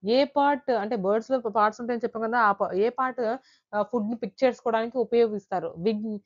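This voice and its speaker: A woman with a Telugu accent teaching an exam-prep quiz lesson, reading questions slowly and explaining each answer. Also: a little high, fairly even intonation. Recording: slightly dull lo-fi recording.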